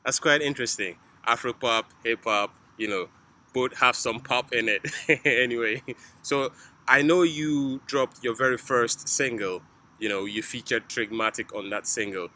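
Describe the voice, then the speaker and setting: A man hosting an interview, asking smooth, prepared questions. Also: medium pitch, unhurried, sharp tone, slight background noise. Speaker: interviewer host.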